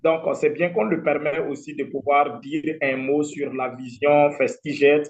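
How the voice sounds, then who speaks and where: A man's voice: on the high side, fairly even intonation, unhurried, lo-fi sound. A man organizing a festival, speaking politely and formally on a video call.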